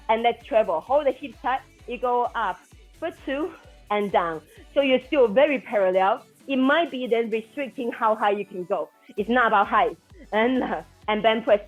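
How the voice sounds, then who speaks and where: A woman working as an aerobics instructor, calling out counts and commands to a floor workout class in an encouraging, motivating way. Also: on the high side. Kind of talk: counted exercise cueing to a class. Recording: dull lo-fi sound with music behind.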